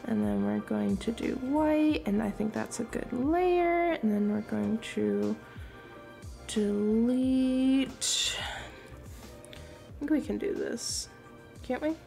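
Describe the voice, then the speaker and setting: A woman's voice: fairly high pitch, slow pace, vocal fry, long pauses, mellow, soft background music. A woman streamer chatting casually with her viewers while she draws, laughing often between remarks. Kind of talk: casual chat during a live art stream.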